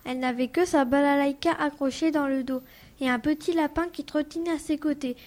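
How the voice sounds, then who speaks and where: A woman reads a story aloud for a class radio show, plainly and carefully. Her voice is high. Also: steady tone, fairly quick, a little mellow.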